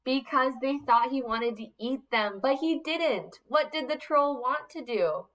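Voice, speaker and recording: Slow, high-voiced teacher reading to kids. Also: female voice, low-quality recording. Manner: warm, questioning, coaxing. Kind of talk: read-aloud lesson for young children.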